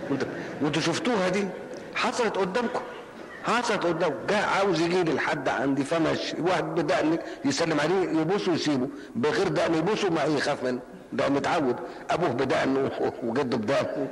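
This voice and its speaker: With a fairly high voice and quick pace, an older Egyptian preacher leads a mosque lesson, answering questions through colloquial stories and emphatic repetition. The sound is rough and echoes like a large hall.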